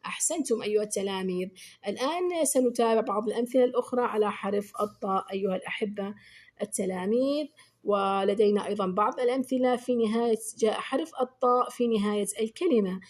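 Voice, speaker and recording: A woman teaching beginners and speaking to pupils. She praises them often and draws out the example words slowly and clearly. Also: medium pitch, darkish tone. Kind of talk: children's lesson addressing pupils.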